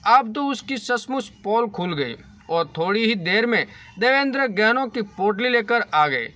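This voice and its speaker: A man narrating a scripted moral story in a steady storytelling manner. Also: sits high, unhurried.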